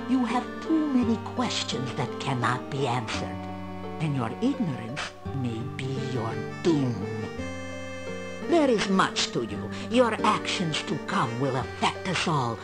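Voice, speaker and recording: Old female fortune teller, video game character, slow solemn delivery, sweeping intonation, mysterious, proud. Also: low voice, sing-song, loud music behind the voice.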